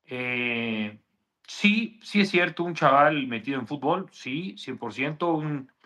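A man's voice: mid-range voice, pushed and bright. A man with a Mexican accent hosting a sports show, giving informal, opinionated commentary.

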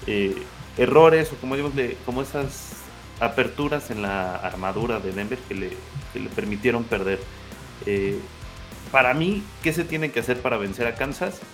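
Male sports pundit, fairly low voice, casual and slightly hesitant delivery over faint music. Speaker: sports commentator.

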